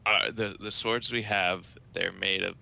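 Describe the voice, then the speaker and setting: Gravelly low-voiced man, bright tone. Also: steady tone, unhurried, lo-fi sound. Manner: hesitant, laughs mid-sentence. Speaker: podcast guest. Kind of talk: casual chat.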